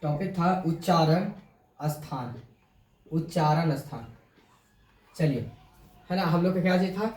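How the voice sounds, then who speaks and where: Guy teaching a class, keeps repeating stuff n asking questions, mellow voice, roomy echo from far off. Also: on the high side, unhurried, long pauses. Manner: repetitive, quizzing with rhetorical questions and "है ना". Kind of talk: classroom grammar lesson. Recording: echoey room, voice from a distance.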